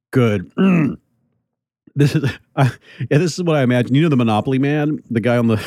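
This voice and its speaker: A man's voice: on the low side, a little mellow, no echo, clean studio sound. A man hosting a podcast, tasting a treat and chatting with enthusiasm, now and then talking with food in his mouth. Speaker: podcast host. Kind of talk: casual tasting segment and outro.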